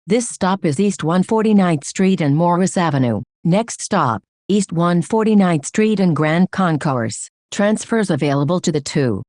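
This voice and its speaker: Female transit announcer reading bus stop announcements: steady, formal, slightly low voice with a dry, close sound. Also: dry recording. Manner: measured, even, formal delivery of stop names.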